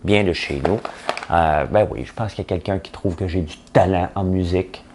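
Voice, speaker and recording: A man's voice: low voice, moderate pace, background noise. A middle-aged man with a Québécois French accent, hosting a casual morning commentary with folksy jokes and rambling asides. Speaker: commentary podcast host.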